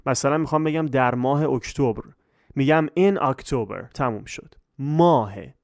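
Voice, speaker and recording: A man's voice: mid-range voice, creaky, dry recording. Male English tutor with a Persian accent, patient explainer, dry close recording. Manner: repeats check questions, slows down for English examples. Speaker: English teacher. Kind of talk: grammar lesson in Persian.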